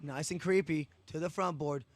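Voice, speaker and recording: Male sports commentator, fairly high-pitched, technical play-by-play delivery. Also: fairly even intonation, moderate pace, no echo. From Australia.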